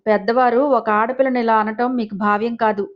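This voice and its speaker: A woman's voice: a little high, steady tone, a little fast, highs cut off, lightly acted. A woman voicing a proud young wife who answers sharply and defiantly.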